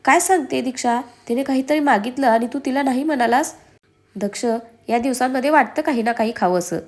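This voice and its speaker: A woman voicing a calm, gently teasing middle-aged mother-in-law in a storybook. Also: sits high, brisk, pitched above the performer's own voice, natural voice.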